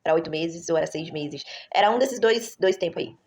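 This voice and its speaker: A mother and vlogger in her 30s, she speaks a little fast with a fairly low pitch and darkish tone. Her casual story for viewers rambles, with many self-corrections.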